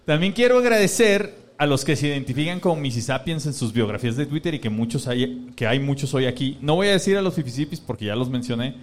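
A man's voice: medium pitch, animated. A man with a Mexican accent co-hosting a casual podcast, thanking fans and reading out a long list of names. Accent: Mexican Spanish. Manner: reads fan names in a drawn-out list. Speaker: podcast co-host.

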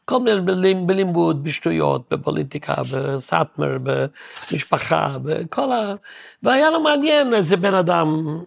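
Guest composer, male, very gravelly, slightly high, halting storyteller who keeps hunting for words. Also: lively intonation, no echo, studio quality. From Williamsburg, New York. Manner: halting, searching for words, many restarts. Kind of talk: casual storytelling interview.

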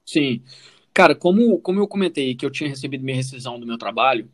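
A podcast co-host with a Brazilian Portuguese accent tells his own story casually and informally, often adding little check-in questions. His medium-pitched voice has lively intonation, and he talks fast.

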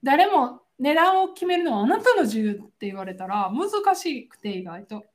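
A woman's voice: high voice, big pitch swings, normal speed. A woman with a Kansai accent chatting casually as a podcast co-host, explaining phrases and laughing often. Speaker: podcast co-host, Japanese teacher. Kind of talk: casual chat.

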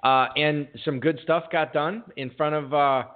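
A man's voice: on the high side, steady tone, measured pace. A man hosting a fantasy football talk show, reading promos with jokey, self-deprecating patter. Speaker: podcast host. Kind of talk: casual sports radio talk. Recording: tinny phone-like audio.

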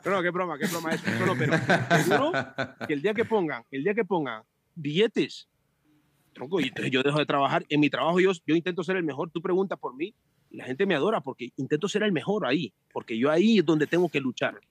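A man with a husky voice, a little higher than most men, who chats as a podcast guest and tells animated stories. He jokes and swears freely. His voice comes over a remote call and sounds dry, with no room around it. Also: fast, dry recording. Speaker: podcast guest, amateur cyclist. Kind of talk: casual chat.

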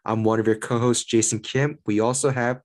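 A man talks casually as a podcast co-host. His voice sits at an average male pitch. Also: fairly even intonation, a little fast, a little mellow.

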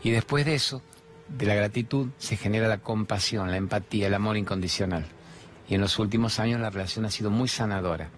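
Argentine male host in his fifties, spiritual monologue, lively and questioning delivery, soft music underneath. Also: lowish voice, a little fast. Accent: Argentine Spanish. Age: 50s. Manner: animated storyteller, rhetorical questions. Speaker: host of a spiritual talk show.

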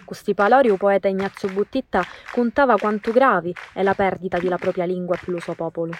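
A woman's voice: medium pitch, fairly even intonation, a little fast, a little hiss or hum. A woman with a Sicilian accent reads scripted podcast narration as a host, with an emphatic, declamatory delivery.

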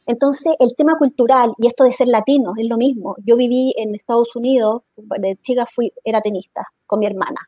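A woman's voice: on the high side, brisk, hardly any pauses, warm tone, no room sound. A Chilean woman with a Chilean accent, speaking as an interview guest in an earnest, impassioned way, often restarting her sentences. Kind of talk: conversational interview.

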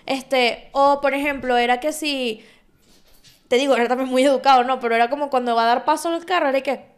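A woman's voice: high-pitched, fairly even intonation, brisk. A young Venezuelan woman with a Venezuelan accent, hosting a casual podcast chat and telling stories with slangy, laughing asides. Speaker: podcast host.

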